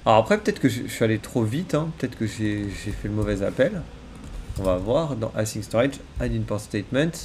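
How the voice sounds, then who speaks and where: Male streamer, gravelly voice, casual and self-mocking while coding. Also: lowish voice, lively intonation, brisk, a little mellow, slight background noise. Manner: mutters to himself, casual and self-deprecating. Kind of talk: live coding, thinking aloud. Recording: faint keyboard typing behind.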